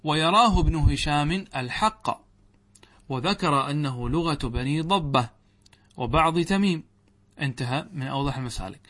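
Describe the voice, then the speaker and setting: Higher-voiced man teaching grammar. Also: animated, moderate pace, fairly bright tone. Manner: explains step by step, asks questions then answers them. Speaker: sheikh teaching Arabic grammar. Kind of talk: classroom lesson commentary.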